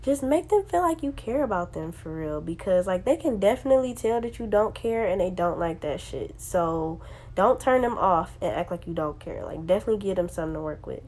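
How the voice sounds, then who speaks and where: A young woman hosting an astrology video chats casually to camera, sounding congested from a sinus infection. Her mid-range, darkish voice has lively intonation and moves a little fast, full of slang, "um," and "like."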